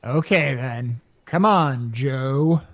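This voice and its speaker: A radio play performer portrays Caldwell, an exasperated, brash salesman and working-class wisecracker who rattles off slangy sales patter. The voice is mid-range, with drawn-out words.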